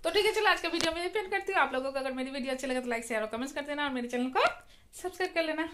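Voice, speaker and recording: A woman's voice: sits high, rapid-fire, fairly bright tone. A young woman from India chatting casually in her vlog about her daily routine, sometimes cooing baby talk to a small child. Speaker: vlogger. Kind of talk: casual chat.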